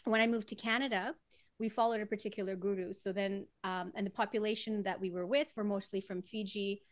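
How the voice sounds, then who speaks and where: A woman's voice: medium pitch, steady tone, a little fast, dry recording. Woman guest singer from Trinidad, chatty with frequent laughs; dry close sound. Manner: chatty, laughs often while explaining. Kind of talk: casual interview conversation.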